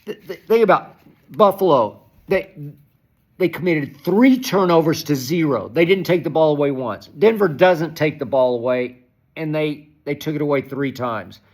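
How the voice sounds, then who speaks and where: An older man hosts a solo sports talk segment, his hoarse voice worn from shouting and sitting a little high. Exasperated, he rants through animated commentary, tripping over words and repeating them as he pushes on.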